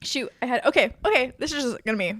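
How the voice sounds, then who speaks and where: A woman's voice: high-pitched, animated, quick pace, fairly bright tone, dry recording. A young woman co-hosting a podcast in casual chat, talking freely with lots of fillers and giggles. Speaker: podcast co-host.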